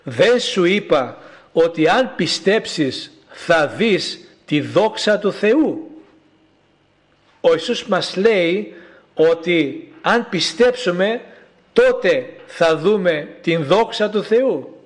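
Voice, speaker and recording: High-voiced preacher man. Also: expressive. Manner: slow, emphatic preaching with repeated calls. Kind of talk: sermon.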